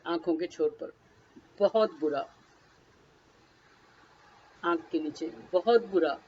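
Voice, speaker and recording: A woman's voice: on the low side, slow, darkish tone, slightly rough, muffled recording. A woman leading a guided tapping session, naming each body point and then speaking a short first-person phrase for the listener to repeat.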